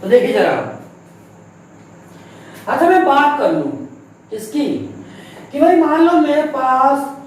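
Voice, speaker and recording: A man's voice: very high voice, very animated, slow pace, long pauses, darkish tone. Man teaching in a very echoey room. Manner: conversational, asks and answers his own questions, repeats key points. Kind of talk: recorded classroom lesson. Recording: very echoey room, mic at a distance, faint noise.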